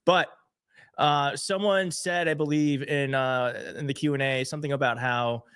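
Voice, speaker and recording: A man's voice: mid-range voice, steady tone, normal speed, a bit bright, clear, resonant tone. A young man hosting a live stream, speaking in an earnest, openly emotional way and talking straight to his viewers. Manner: emotional, earnest, self-deprecating. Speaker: show host.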